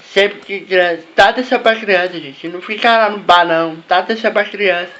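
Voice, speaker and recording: In a casual vlog to camera, a man offers parents advice, repeating himself and ending phrases with "né?" and "tá?". His voice is high and a little fast with a sharp tone, and the sound is lo-fi.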